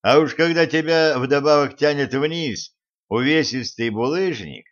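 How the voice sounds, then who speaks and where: A man's voice: on the high side, a little slow, pitched above the performer's own voice, close to an everyday voice. Guy doing a grumpy immortal wizard, bossy and sarcastic, kinda muffled. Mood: irritated. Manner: snappish, commanding, sarcastic. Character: sardonic immortal male sorcerer, sharp-tongued.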